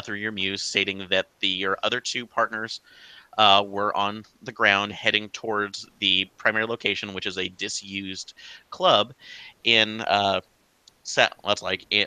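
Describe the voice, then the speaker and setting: Here a game master for an online tabletop session talks in an easygoing, meandering way, packed with fillers. His pitch is on the low side, his tone sharp and clean, and the audio is poor with no room sound.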